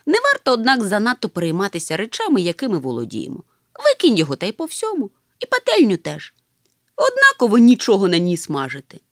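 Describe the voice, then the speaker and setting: A woman voicing a calm, easygoing young male wanderer in a storybook, unhurried and reflective. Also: medium pitch, no room sound, clean studio sound, pitched above the performer's own voice. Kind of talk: storybook reading.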